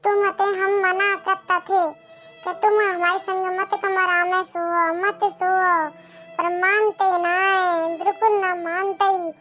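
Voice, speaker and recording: A woman's voice: extremely high pitch, flat delivery, takes it slowly, pushed and bright, soft background music, full character voice. A woman voicing an ashamed, lamenting middle-aged village mother in a cartoon. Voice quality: complaining, lamenting. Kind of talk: cartoon dialogue.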